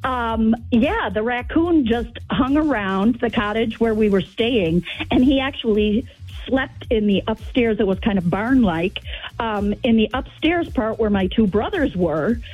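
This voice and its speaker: Slow, husky woman on a dull call. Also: on the high side, expressive, faint music behind. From Wisconsin, suburb of Milwaukee. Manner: slow, halting, emotional storyteller. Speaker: caller, sibling of the late host. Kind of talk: phone-in tribute storytelling.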